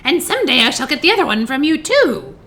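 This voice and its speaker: A woman voicing a wicked, cunning old witch in a storybook, with a shrill, wailing, dramatic delivery. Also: very animated, brisk, a bit bright, exaggerated voice. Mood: gloating defiance. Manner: dramatic, taunting. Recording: noisy recording with low rumble.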